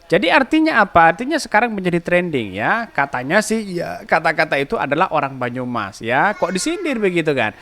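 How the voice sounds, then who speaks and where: A man's voice: fairly high pitch, sing-song, a little fast, few pauses, fairly bright tone. A man hosting a podcast, giving a rambling political commentary full of rhetorical questions and repeated filler tags. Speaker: podcast host.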